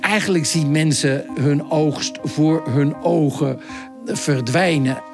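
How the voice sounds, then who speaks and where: A man's voice: on the high side, slow, music in the background. A male correspondent telling a radio interview about events around him, in a vivid, chatty way with frequent hesitations. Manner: vivid, conversational storytelling with hesitations. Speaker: foreign correspondent. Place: Nairobi, Kenya.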